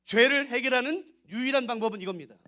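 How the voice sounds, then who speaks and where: High, bright-voiced male preacher. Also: quick pace. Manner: emphatic, acts out dialogues, addresses congregation directly. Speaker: pastor. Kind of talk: revival sermon. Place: church sanctuary.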